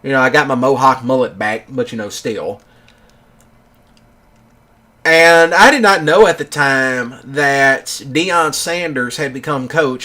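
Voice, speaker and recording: Brief: male vlogger, 30s, mid-pitched, casual and rambling, leans on "you know" constantly. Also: bright, forceful tone. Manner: rambling, filler-heavy with many "you know"s. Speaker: gaming channel host. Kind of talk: casual storytelling monologue.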